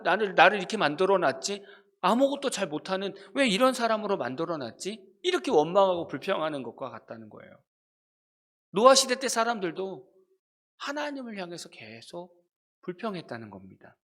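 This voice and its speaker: Lively, high-voiced male pastor preaching. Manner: animated, asks the listeners questions. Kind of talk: youth sermon.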